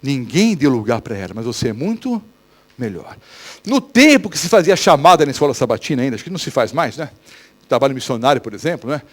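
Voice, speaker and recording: A male pastor with a Brazilian Portuguese accent preaches a sermon in church, speaking animatedly and quizzing the congregation with questions. His voice is mid-range and fast.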